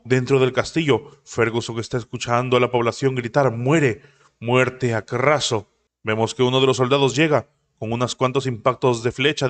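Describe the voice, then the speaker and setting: Guy doing a comic recap, mid pitch, keeps fixing his words as he goes. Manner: rapid retelling with occasional self-corrections. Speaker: manhwa recap narrator. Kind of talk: storytelling recap narration.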